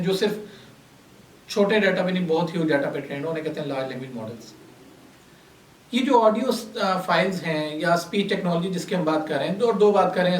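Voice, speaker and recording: A man's voice: high voice, a little hiss or hum. A man giving a classroom lecture, explaining step by step and answering his own questions to the class. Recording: echoey room, voice from a distance.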